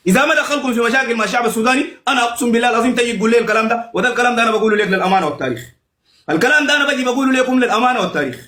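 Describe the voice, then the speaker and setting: A man's voice: extremely high pitch, racing, pushed and bright, roomy sound. A man with a Sudanese Arabic accent in a heated, insulting livestream rant, repeating himself over and over.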